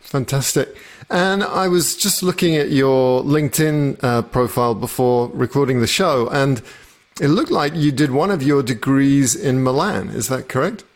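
A man's voice: mid-range voice, normal speed. A man hosting a podcast, chatting casually with a guest, with occasional fillers. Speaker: podcast host. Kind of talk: casual interview talk.

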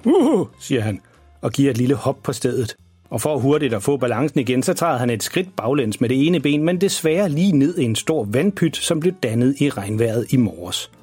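A man narrating a children's bedtime story in a measured storytelling manner. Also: mid-range voice, animated, warm tone, slightly rough, no room sound, faint music behind.

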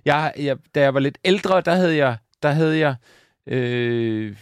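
A man's voice: fairly high pitch, expressive, clean tone, no echo, studio quality. A man in his thirties talking casually on a podcast, rambling with many restarts and telling stories about his young son. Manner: rambling, self-correcting, fond of his son. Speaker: podcast co-host. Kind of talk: casual chat.

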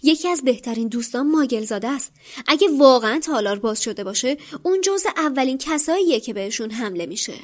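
A woman's voice: high voice, expressive, voice pushed up. A woman reading as an insistent young wizard boy. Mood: urgent. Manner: urgent, hushed then sharp. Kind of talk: dramatic book reading.

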